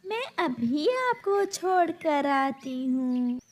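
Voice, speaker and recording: A gentle, caring mother sparrow, as the narrator puts her on in a children's cartoon. She soothes a crying child in a fairly high, very slow voice. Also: sing-song, slight background noise, exaggerated voice. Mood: soothing.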